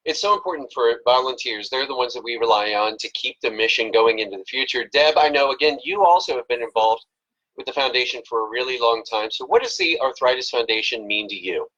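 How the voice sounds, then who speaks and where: Upbeat guy host, bright voice, lo-fi sound. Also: medium pitch, fairly quick. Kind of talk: live stream interview.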